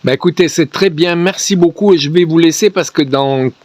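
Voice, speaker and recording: A man's voice: fairly high pitch, moderate pace, darkish tone. A man acting as interviewer and guide, asking questions and commenting on location outdoors. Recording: faint background noise on location.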